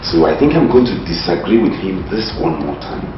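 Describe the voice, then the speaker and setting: A man's voice: deep voice, very animated, a little fast, roomy sound, noisy background. A man playing a defiant young man who coaxes his lover to marry him against his father's will. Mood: coaxing. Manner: smooth, coaxing, calls her baby. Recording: dull lo-fi film audio with music.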